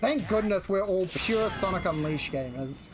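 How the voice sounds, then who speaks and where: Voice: medium pitch, expressive, normal speed. Livestreamer with a broad Kiwi accent, androgynous mid-range voice, slangy rambling chat over music. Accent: New Zealand. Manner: slangy, rambling, self-interrupting. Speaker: game livestreamer. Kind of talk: casual chat while gaming. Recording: music behind the voice.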